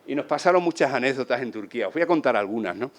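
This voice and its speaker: Andalusian Spanish man, animated storyteller, mid pitch, brief travel yarns. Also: racing. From Spain. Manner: animated, acts out voices of people he met. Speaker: traveler telling anecdotes. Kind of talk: casual storytelling talk.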